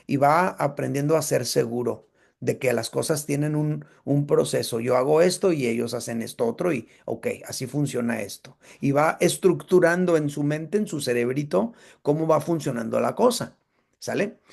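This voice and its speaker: Gravelly-voiced man teaching a church class. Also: a little high, moderate pace, darkish tone. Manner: conversational, checks in with listeners.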